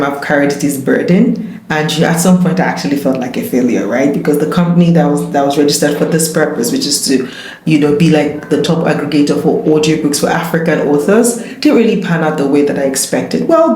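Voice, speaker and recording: A woman's voice: low voice, brisk, darkish tone. A woman hosting a casual conversation, speaking candidly and reflectively. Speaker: host. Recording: roomy echo.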